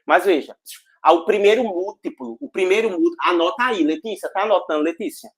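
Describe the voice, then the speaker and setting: A man's voice: high-pitched, fairly quick, slightly rough. Slangy man teaching. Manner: energetic, slangy, jokey, checks in with students. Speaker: physics teacher. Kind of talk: informal online class.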